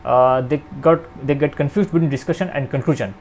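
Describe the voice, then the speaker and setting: A man's voice: mid-range voice, a little fast, a little mellow, slight background noise. A young man hosting his channel, teaching step by step with frequent "okay" and "uh" fillers. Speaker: channel host teaching research writing. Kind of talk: explanatory lesson.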